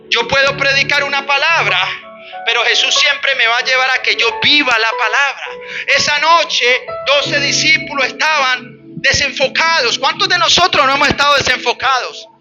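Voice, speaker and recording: A man's voice: very high voice, moderate pace. A man preaching a sermon with passion, repeating his phrases for emphasis. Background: music.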